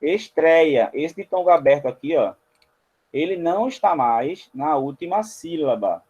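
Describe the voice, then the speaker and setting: Man teaching grammar, mellow voice. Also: fairly high pitch, lively intonation, a little slow, breathy edge, dull audio. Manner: explains step by step, often pointing things out to viewers. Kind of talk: spelling lesson at a whiteboard.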